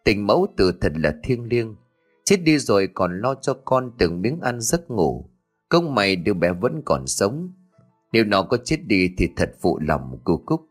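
A solemn old-time district magistrate, played by a male storyteller, with a lowish voice that questions with measured authority. He turns sorrowful when he reflects. Faint music hums under the narrated tale. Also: very animated, husky, full character voice.

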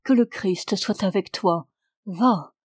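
A woman voicing a gentle old peasant. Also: medium pitch, slow, breathy edge, no echo, clean studio sound. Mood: soothing. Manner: coaxing, reassuring exclamations. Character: gentle fifty-year-old peasant man, tender and soothing.

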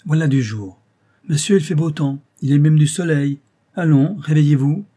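A man's voice: medium pitch, normal speed, dark tone, breathy edge, natural voice. A man doing a fussy old valet. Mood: coaxing. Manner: fondly coaxing, raised voice.

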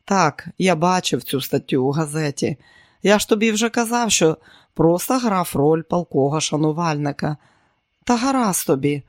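A man playing a smooth, easygoing theatre agent. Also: on the high side, lively intonation, normal speed, no room sound, clean studio sound, close to an everyday voice. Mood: charming.

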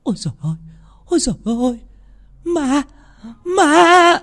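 A man's voice: very animated, fairly quick, warm tone. A man voicing a frightened middle-aged village woman who shrieks in panic. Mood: terrified screaming. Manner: shrill, screaming in panic.

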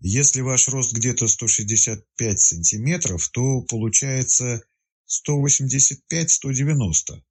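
A man voicing a wheezing, anxious criminal investigator, in a raised, husky voice. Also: mid-range voice, darkish tone, pitched above the performer's own voice. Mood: tense. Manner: wheezing, measured.

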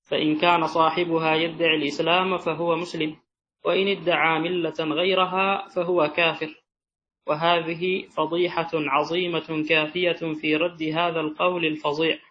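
A man reading a classical religious text aloud to his teacher in a measured, deferential manner. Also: a little high. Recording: dull sound with faint hiss.

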